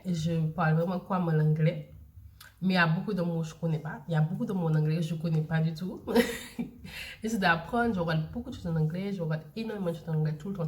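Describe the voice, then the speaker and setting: Young female vlogger, slightly low voice, loose rambling chat full of repeats. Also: darkish tone. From Saint Lucia. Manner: rambling, repeats herself, many fillers. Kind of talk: casual chat to camera.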